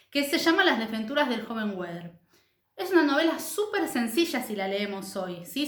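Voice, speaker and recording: A woman's voice: fairly high pitch, fairly bright tone. A woman teacher giving a recorded class lecture, explaining step by step and checking in with her students often. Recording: echoey room.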